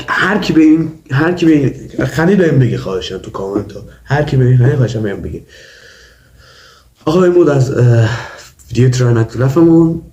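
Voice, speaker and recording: A man's voice: medium pitch, darkish tone, roomy sound. A young man with a cold, chatting through a try-not-to-laugh reaction video and insisting the clips aren't funny. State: has a cold. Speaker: YouTuber.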